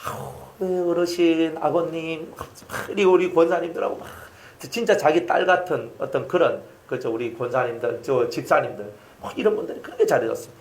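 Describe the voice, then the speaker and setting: A man's voice: on the high side, brisk, hardly any pauses, roomy sound. A man, preaching a sermon as a pastor and telling a personal story with emphasis.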